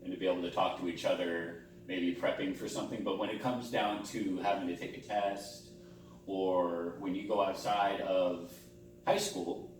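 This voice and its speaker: A man speaking as a school counselor in a role-play conversation, calm and reassuring like a therapist, rephrasing as he goes. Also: sits low, normal speed. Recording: very echoey room, distant mic, faint hum.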